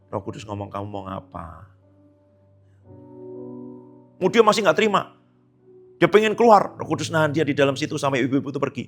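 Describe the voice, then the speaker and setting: A male pastor gives a casual, conversational sermon in a church service. He sounds chatty and teasing, and often drops into hushed asides. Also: on the high side, lively intonation, fast, soft background music.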